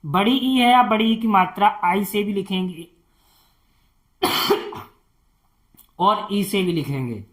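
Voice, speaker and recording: A tutor teaching beginners to spell names, talking slowly, repeating each word and answering his own questions. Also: sits high, fairly bright tone.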